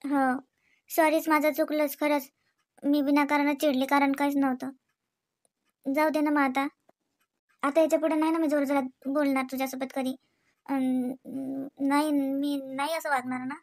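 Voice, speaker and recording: A woman's voice: sits high, level tone, moderate pace, long pauses, darkish tone, natural voice. A woman voicing a pleading cartoon wife. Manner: pleading, sulky, repeats sorry. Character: apologetic young wife Rashmi, sulky and pleading. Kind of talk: cartoon voice acting.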